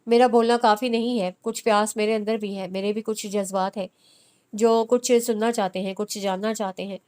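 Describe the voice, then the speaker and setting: A woman's voice: mid-range voice, steady tone, darkish tone, smooth, close to an everyday voice. Woman reading as a teasing young city man. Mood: playful.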